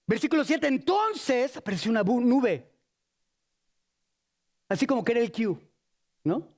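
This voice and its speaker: A Mexican man preaching with a high, lively voice that swoops all over the place. He keeps things casual and jokey, loaded with slang, and shifts his tone often. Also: a little slow. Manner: animated, colloquial, joking. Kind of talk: sermon.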